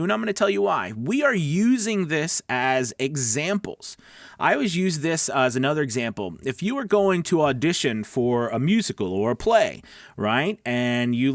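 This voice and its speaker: Fairly high and fairly bright, this man's voice comes through a dry, close-miked recording. He's a show host coaching voice-over in a relaxed, conversational tutorial, mixing demo script reads with emphatic reassurance.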